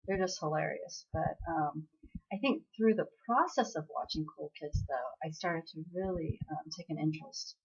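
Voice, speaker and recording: In lo-fi audio, a deep, husky-voiced drama vlogger rambles through a casual chat full of fillers. She is American, from the United States, but was born in Korea.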